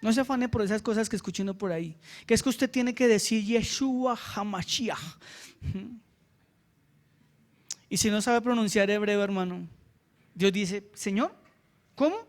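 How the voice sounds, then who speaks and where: High-voiced Colombian preacher. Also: male voice. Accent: Colombian Spanish. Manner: asks the congregation short checks like "¿cierto?" and "¿sí?"; slows down for quoted scripture. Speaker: pastor. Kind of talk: sermon.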